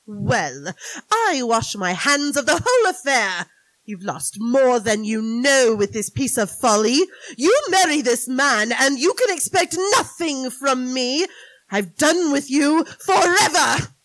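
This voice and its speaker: A woman's voice: high voice, animated, takes it slowly, a bit bright, no echo, exaggerated voice, rough recording. A woman acting an imperious, scolding rich old aunt in a 1940s-style radio drama, haughty and scornful. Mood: stern scolding. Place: live stage in a theater.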